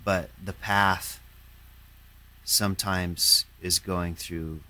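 A man, a painter, talking in a halting, reflective way, with many fillers and restarts. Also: low-pitched, little pitch movement, pushed and bright. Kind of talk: casual conversation.

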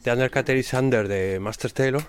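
Speaking quickly at medium pitch, this Spanish-accented man, middle-aged or older and from Spain, explains his trade as a bespoke tailoring undercutter. His interview answers come in careful non-native English.

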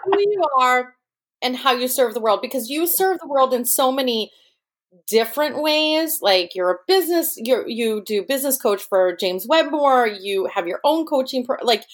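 A woman with a fairly high voice hosts a casual podcast interview. She gushes with enthusiasm and quick praise for her guest, keeping the tone friendly and upbeat. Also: animated. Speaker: podcast host and chef.

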